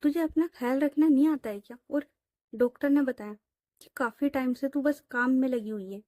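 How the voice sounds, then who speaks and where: A woman's voice: high voice, normal speed, dark tone, no echo, clean studio sound, close to an everyday voice. A woman voicing a middle-aged father who scolds his daughter out of love and worry. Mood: tender. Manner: scolding tenderly. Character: caring middle-aged father, stern but loving.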